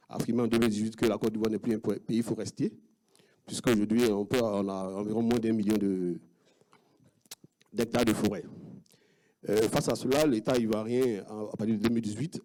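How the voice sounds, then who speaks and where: A man with an Ivorian French accent, a sociologist giving an academic talk with slides, speaking haltingly with many fillers and restarts. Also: lowish voice, warm tone. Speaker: sociologist presenting research.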